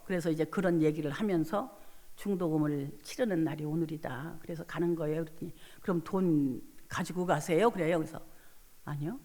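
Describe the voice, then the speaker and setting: A middle-aged woman preacher giving a revival sermon testimony, quietly retelling conversations and rising into fervent prayer. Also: lowish voice. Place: church sanctuary. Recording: long hall reverb.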